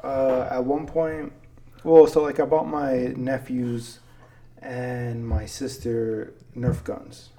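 A man's voice: medium pitch, flat delivery, slow pace, dark tone. Laid-back young man telling stories. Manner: laid-back, peppers speech with "dude" and "like". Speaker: podcast host. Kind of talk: casual storytelling chat.

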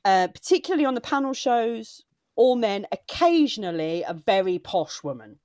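A woman's voice: fairly high pitch, very animated, normal speed, darkish tone, no room sound, clean studio sound. A woman comedian chatting casually and emotionally, talking in digressive bursts with frequent restarts. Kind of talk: casual chat.

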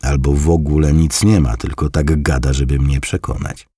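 A man voicing a crude, sharp-tongued grandmother nearly eighty in an audiobook. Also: very deep voice, steady tone, moderate pace, husky, dry recording, studio quality. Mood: musing. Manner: testy, crude, curt. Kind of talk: audiobook reading.

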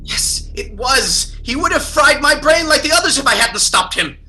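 A man's voice: on the high side, lively intonation, moderate pace, sharp tone, soft background music. An actor playing an agitated young man bound in a straitjacket, insisting he is sane in strained, formal period speech, in a dramatic audio drama. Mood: distraught.

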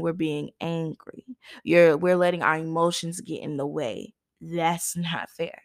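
Impassioned young woman, lowish voice. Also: vocal fry. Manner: impassioned, emphatic, repeats and restarts phrases. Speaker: podcast host. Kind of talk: personal commentary monologue.

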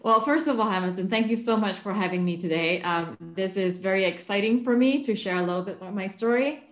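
A woman in her thirties from Malaysia, a book author answering interview questions in a thoughtful, measured way with frequent fillers. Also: medium pitch, reverberant. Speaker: guest, author. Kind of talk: remote interview.

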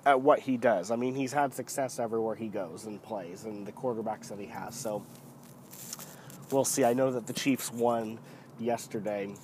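A man with a head cold that deepens his voice, giving casual, rambling, opinionated solo football commentary as a podcast host, often hesitating. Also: normal speed, darkish tone, a little hiss or hum. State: sick with a cold.

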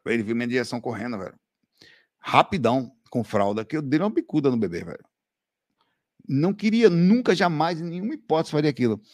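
A man's voice: mid-range voice, quick pace, no echo, clean studio sound. A Brazilian man, hosting a casual live stream and telling stories with lots of slang and laughter. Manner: animated storytelling, laughing, slangy with "velho" and "cara". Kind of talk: casual live chat answering viewer questions.

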